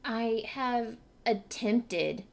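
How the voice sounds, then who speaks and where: A woman's voice: fairly high pitch, extremely slow, creaky. A young woman hosting a casual interview over a video call, informal and encouraging with her guest. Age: young adult. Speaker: interviewer, host. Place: indoors before a cloth backdrop. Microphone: computer mic on a video call.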